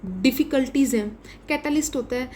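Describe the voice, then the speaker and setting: A young adult woman with an Indian English accent teaches exam vocabulary in a casual lesson, giving examples for each word and checking in with the listener. Her voice is high-pitched and dark in tone at a moderate pace, she drops in frequent "ठीक है" fillers, and there's slight background noise.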